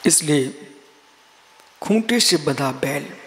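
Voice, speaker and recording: A man's voice: on the high side, animated, slow, a bit bright, a little hiss or hum. A man, a Jain monk from India, giving a live sermon in a rhythmic, repeating way and calling on listeners by name. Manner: rhythmic chanting, repetition, addresses listeners by name. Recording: long hall reverb.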